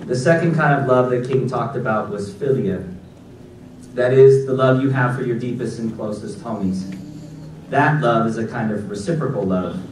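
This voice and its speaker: A man in his forties from Los Angeles giving a graduation keynote speech at a podium, with a measured, deliberate delivery from a prepared text. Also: mid-range voice, noisy background. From Los Angeles, United States. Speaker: keynote speaker. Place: large auditorium stage at a podium. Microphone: podium mic, recorded by a far audience camera. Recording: echoey hall recorded from far back.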